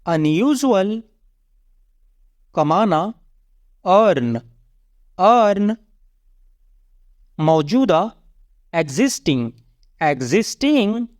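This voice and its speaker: Slow slow vocab drill voice, dry close sound, says each english word twice, steady middle pitch. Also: no room sound. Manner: measured, even recitation of word and meaning. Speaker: vocabulary teacher.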